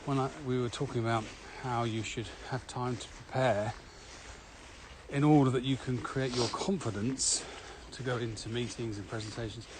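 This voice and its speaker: On a walk, a podcast co-host who also works as a trainer chats casually and shares anecdotes. His voice is medium-pitched and steady at a normal speed, captured in a noisy recording full of ambient sound.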